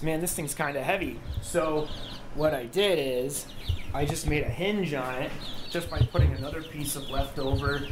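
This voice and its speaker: A homestead vlogger in his thirties, his voice on the high side, casually talks through a how-to in a basement workshop. He comes across as easygoing and rambling, using plenty of ums. The audio comes from an action camera on his body, in a noisy basement with clucking chickens and cheeping chicks.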